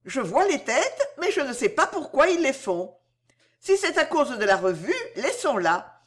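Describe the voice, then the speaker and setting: A woman puts on a naive, playful young girl with a raised, bright and eager voice, in a spoken storybook reading. The figure sounds curious, pleading and quick to laugh off trouble, with lively swings in pitch.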